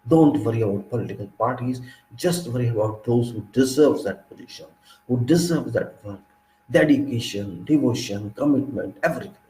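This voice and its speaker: A man, delivering a forceful political monologue in a lecturing, repetitive way with sudden loud rises. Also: medium pitch, moderate pace. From India. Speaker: political commentator. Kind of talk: monologue speech. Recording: echoey room with faint ambience.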